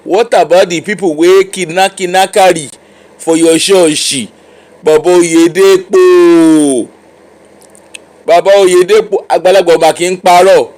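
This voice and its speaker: A man's voice: high voice, fairly even intonation, a little slow, a little mellow. A Nigerian man giving informal opinion commentary in Nigerian Pidgin mixed with English, challenging with repeated rhetorical questions.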